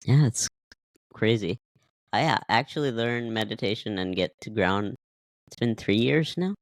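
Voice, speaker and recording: A man's voice: fairly low pitch, animated, moderate pace, no echo. A man from Nepal hosting a casual interview, friendly, laughing often and hesitating as he speaks. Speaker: podcast host.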